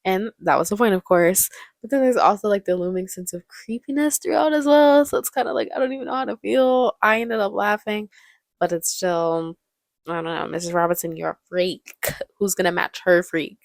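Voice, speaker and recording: A woman's voice: mid-range voice, normal speed, gravelly, no echo, clean studio sound. A young woman giving casual movie commentary, chatty with lots of "like" fillers and playful mock voices.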